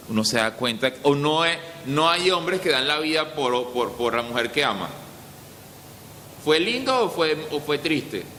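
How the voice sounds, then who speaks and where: A Venezuelan man preaching a sermon as pastor, asking rhetorical questions and answering them himself, with sudden swings in pitch and volume. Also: sharp tone. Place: church hall. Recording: long church reverb, faint ambient noise.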